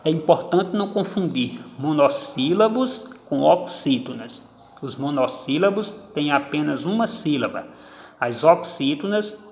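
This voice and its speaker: A man teaching a grammar lesson, stressing each example word slowly and deliberately. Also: fairly high pitch. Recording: echoey room with long reverb.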